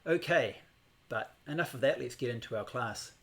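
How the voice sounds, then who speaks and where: Middle-aged New man, gravelly voice, meditation teacher opening a live-streamed class, unhurried and hesitant. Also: mid-range voice, expressive, fairly bright tone. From New Zealand. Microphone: new microphone on a laptop setup.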